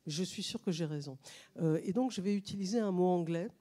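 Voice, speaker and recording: A woman journalist speaking on stage to a live audience, hesitant with many fillers and restarts, but lively and joking. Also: on the low side, brisk. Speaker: journalist and author on a panel. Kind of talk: public talk to a live audience. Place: stage at a public science event.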